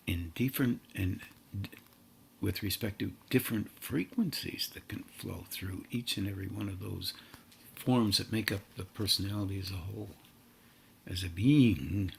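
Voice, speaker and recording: Slow, gravelly, husky-voiced man. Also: on the low side. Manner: slow, halting, drawn-out phrases. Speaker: spiritual teacher. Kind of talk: meditative spiritual talk.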